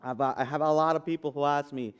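Pastor, smooth clear voice. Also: male voice, a little high, fairly even intonation, fast. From Guatemala. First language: Spanish. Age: 30s. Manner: conversational, frequent fillers and restarts. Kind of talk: sermon testimony. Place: church sanctuary.

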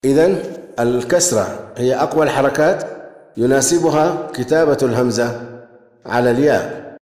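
A man teaching a grammar lesson, asking questions and then praising the answers, and reading example words slowly and carefully. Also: mid-range voice, a little mellow. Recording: echoey room with long reverb.

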